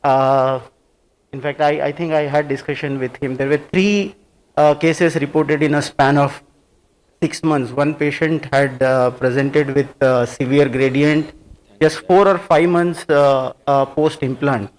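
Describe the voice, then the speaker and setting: Man, slightly high voice, hesitant, asking from the floor. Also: fairly even intonation, a little slow, rough recording. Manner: hesitant, searching for words. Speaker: audience questioner, doctor. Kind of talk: conference question from the floor.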